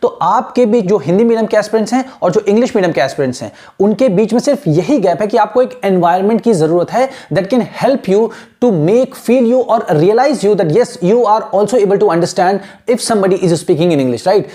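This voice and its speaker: A man teaching an English lesson in mixed Hindi and English, asking rhetorical questions and repeating words slowly to show how they are pronounced. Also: high voice, lively intonation, warm tone. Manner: asks rhetorical questions and answers them.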